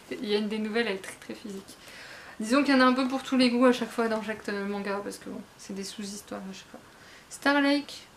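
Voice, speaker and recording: Talking fast at medium pitch over a little hiss or hum, a woman gives a chatty, rambling manga review. This book blogger pauses and corrects herself a lot while addressing her viewers directly with candid asides.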